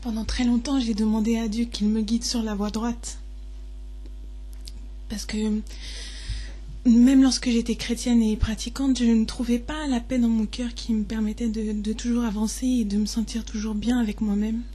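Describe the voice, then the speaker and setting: A woman in her twenties giving a personal testimony, hesitant and deeply moved, often pausing and restarting. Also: level tone, warm tone. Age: 20s.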